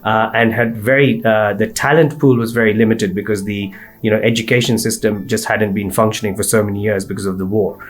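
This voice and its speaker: A man's voice: on the low side, little pitch movement, a little fast. A man in his forties from Kenya, a podcast guest telling his career story fluently. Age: 40s. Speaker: guest, recruitment firm partner. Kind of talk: interview.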